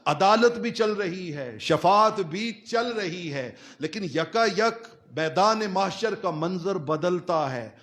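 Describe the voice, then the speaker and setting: A man giving a dramatic sermon, asking questions and answering them himself, jumping between loud, rising lines and quiet drops. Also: sits high, expressive, hardly any pauses. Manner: dramatic preaching with sudden swings between loud and soft. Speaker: preacher.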